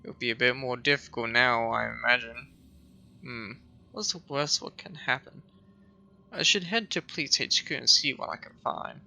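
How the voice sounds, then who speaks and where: A worn-down detective muses quietly over a strange case, read by a man in his own voice. The tone is brooding and low-key, with a gravelly, sharp edge. It is game dialogue read aloud. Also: moderate pace. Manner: brooding, quiet, reflective reading. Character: weary, haunted detective chasing leads.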